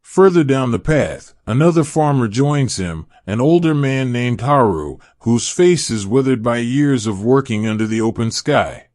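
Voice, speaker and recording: A man reads a bedtime story at an unhurried pace, with a medium-pitched voice. The delivery is soothing and meditative, made to lull a listener toward sleep. The recording is close and dry, with no room sound. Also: lively intonation, a little mellow, no echo. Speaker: narrator of a bedtime history story. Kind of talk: slow, scripted sleep-story narration.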